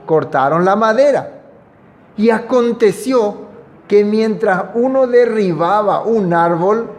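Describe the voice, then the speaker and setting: High-voiced preacher in an echoey hall. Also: male voice, darkish tone. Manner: conversational, asks the listeners for agreement. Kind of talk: informal Bible teaching.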